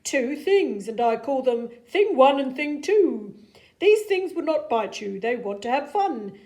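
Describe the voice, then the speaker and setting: A woman voicing a playful, boastful male trickster cat in a children's storybook, with showy emphasis and drawn-out words. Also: high-pitched, sing-song, a little mellow, rough recording. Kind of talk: animated children's storybook reading.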